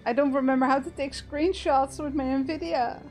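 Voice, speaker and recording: A woman's voice: sits high, fairly even intonation, normal speed, darkish tone, faint music behind. A woman chatting casually as she plays a co-op game, hesitant and thinking aloud. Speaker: gamer playing co-op. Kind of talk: casual gameplay chat.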